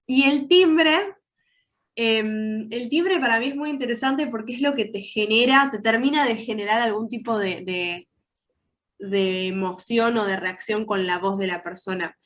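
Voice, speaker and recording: Congested and nasal from a cold, this Argentine woman teaches an online soft-skills workshop in Rioplatense Spanish, throwing many questions to her audience. She speaks at a measured pace in a slightly high, fairly bright voice.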